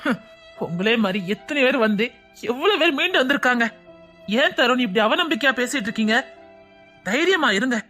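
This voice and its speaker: A woman acting as a gentle doctor in a comedy skit. She speaks slowly and soothingly in a slightly raised voice, with soft music faintly behind her. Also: high-pitched, expressive. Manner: slow, soothing, reassuring. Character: calm, encouraging woman doctor.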